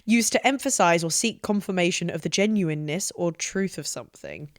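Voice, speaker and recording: A woman co-host chatting casually, quick with wry asides and frequent laughter. Her voice is lively, sweeping up and down in pitch. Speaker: podcast co-host. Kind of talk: casual chat.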